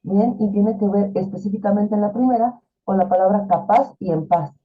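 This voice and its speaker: The audio is a tinny, phone-like video call in which a woman of medium pitch and normal speed teaches an online lesson. Her explanations are chatty, loaded with fillers and rhetorical questions.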